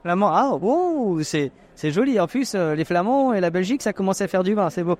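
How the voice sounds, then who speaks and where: A man's voice: sits high, animated, fairly quick, darkish tone. A man hosting a podcast, chatting and teasing guests in casual interviews at an outdoor wine tasting. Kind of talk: casual vox-pop interview.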